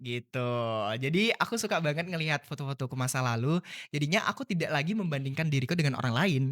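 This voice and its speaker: A young student speaking in a relaxed, conversational tone, pitched in the middle range and recorded close and dry. They talk freely, with lots of fillers and easy phrasing. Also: fast talker, dry recording. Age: young adult. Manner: chatty, many fillers like "gitu" and "kayak". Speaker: guest. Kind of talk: casual podcast chat.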